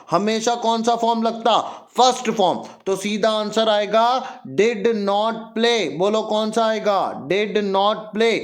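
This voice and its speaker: A man teaching an exam-prep grammar lesson, spelling words letter by letter and quizzing his students. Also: high voice. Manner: explains patiently, spells words letter by letter, asks students questions.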